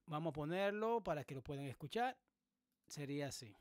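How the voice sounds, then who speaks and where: A man hosting a music production tutorial, explaining things casually with many pauses and fillers. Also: on the high side. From Dominican Republic. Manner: relaxed, explanatory, many hesitations. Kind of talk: casual screen-recorded tutorial. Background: beat playing in the background.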